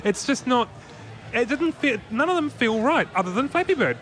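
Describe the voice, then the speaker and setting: A man's voice: extremely high pitch, sing-song, normal speed, fairly bright tone. A man co-hosting a tech news podcast, chatting casually and rambling with restarts and laughs. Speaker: podcast co-host.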